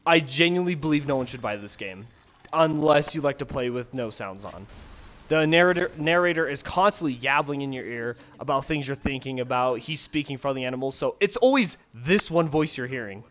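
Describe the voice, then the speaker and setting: In a casual rant for his gaming videos, a young man tears into games he doesn't like, swearing, sarcastic and wandering off topic. He talks fairly quickly in an expressive, medium-pitched, slightly bright voice, using a headset mic in his bedroom.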